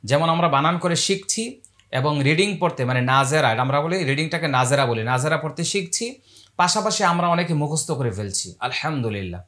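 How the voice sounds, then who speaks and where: A man teaching Quran recitation, chanting verses slowly and spelling out the rules between them. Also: a little high, animated, fairly bright tone. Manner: slow drawn-out chanting of Arabic verses, then brisk spelled-out explanation.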